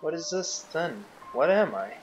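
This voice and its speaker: A man voicing a frail elderly man in a video game playthrough, speaking quietly and slowly. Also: fairly high pitch, sing-song, over music, rough recording. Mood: hushed, wistful. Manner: quiet, slow, hushed.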